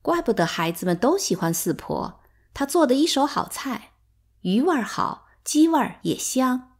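A cheerful aunt from a storybook, chatty and warm-hearted, as a woman reads her part. Her voice climbs higher when she praises. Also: very animated, moderate pace, heavily acted.

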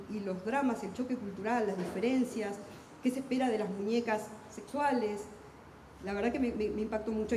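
A middle-aged woman with an Argentine accent, a literary translator talking quickly and intensely on a book fair panel, with self-deprecating humor. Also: fairly high pitch, warm tone, slight background noise. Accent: Argentine Spanish. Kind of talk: lively public talk at a book fair. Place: large hall at a book fair. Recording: echoey hall with long reverb.

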